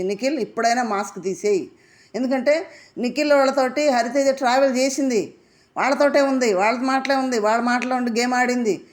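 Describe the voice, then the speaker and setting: A woman giving a casual episode analysis of a reality show, indignant and firing off rhetorical questions. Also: high voice.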